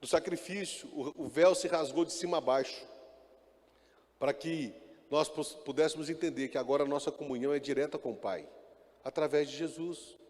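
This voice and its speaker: A pastor preaching a sermon in church, calling out to the congregation and mixing in joking asides. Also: male voice, on the high side, normal speed, darkish tone. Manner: calls out to the congregation, often asking "amen?". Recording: echoey church hall reverb.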